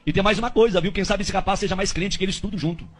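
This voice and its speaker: A gentle devout wife, as a preacher puts her on. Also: sits high, steady tone, very fast, pitched below the performer's own voice. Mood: earnest. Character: devout gentle wife giving advice, woman.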